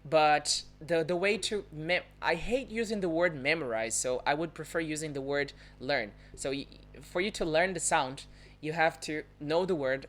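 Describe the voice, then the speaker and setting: Teacher who keeps asking "right?". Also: mid-range voice. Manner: keeps checking in with "right?" and demonstrates sounds. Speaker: Portuguese teacher. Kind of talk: live online language lesson. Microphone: phone or laptop mic on a livestream.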